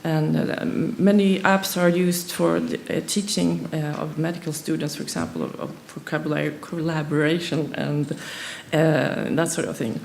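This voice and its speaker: A Swedish woman speaks English, not her first language, while giving a conference presentation that's halting and full of fillers, hesitations and restarts. Her voice sits on the low side, creaky and a little mellow, with a faint hiss or hum in the background.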